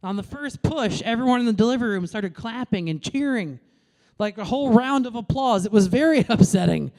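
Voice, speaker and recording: A woman in her late thirties works a comedy club stage, talking into a handheld mic. Her voice sits high, and her delivery is brash and crude. She tosses deadpan asides straight at the crowd. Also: brisk. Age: late 30s. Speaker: stand-up comedian. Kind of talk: stand-up comedy set.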